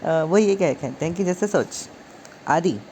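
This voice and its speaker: A woman's voice: on the low side, a little slow, dark tone, slight background noise. A woman teaching psychology in a chatty, playful way, acting out little scenes to explain ideas. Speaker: psychology tutor. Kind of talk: casual online lesson.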